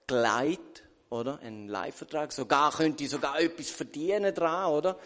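Swiss German preacher in a reverberant hall. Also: male voice, a little high, moderate pace. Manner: lively storytelling with quoted asides and rhetorical questions. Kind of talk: sermon testimony.

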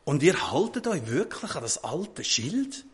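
A man's voice: fairly high pitch, big pitch swings, a little slow, a little hiss or hum. A man playing a cocky schoolboy who talks smugly about keeping the ball. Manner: smug, mocking.

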